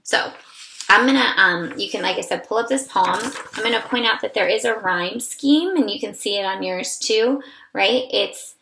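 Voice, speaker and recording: A woman's voice: mid-range voice, moderate pace, vocal fry, reverberant, noisy background. A woman teacher giving a recorded lesson to her class in a chatty, informal way with many fillers.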